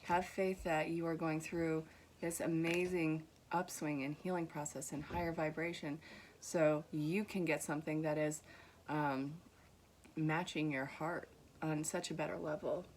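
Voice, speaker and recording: With a deep voice, little pitch movement and a measured pace, a young Vermont-born tarot reader speaks in a mixed Vermont and New York accent. She is warm, reassuring and gently teasing, reading card texts aloud to her viewers in a casual reading, with slight background noise.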